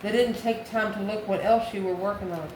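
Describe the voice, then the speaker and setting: Her voice mid-range, darkish in tone, fairly even in intonation and a little fast, an American tarot card reader muses aloud through a casual, off-the-cuff reading and answers her own questions. The recording is in an echoey room with clear background noise.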